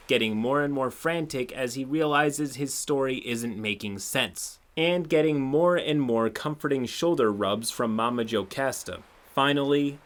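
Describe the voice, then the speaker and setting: A man narrating a submitted tabletop gaming story, with expressive, sarcastic asides of his own. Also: mid-range voice. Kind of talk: reading a submitted story aloud with commentary.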